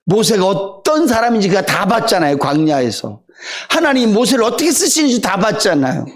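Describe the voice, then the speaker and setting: A middle-aged man preaching a Sunday sermon in a high, lively voice that swings up and down as he retells the story. He keeps asking the congregation questions. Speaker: pastor.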